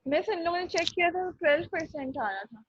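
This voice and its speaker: High-voiced young woman over a video call. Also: lively intonation, no echo. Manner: halting, restarts often with fillers. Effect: heard over an internet video call. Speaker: student presenting in an online class. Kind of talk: class presentation. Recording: lo-fi call audio.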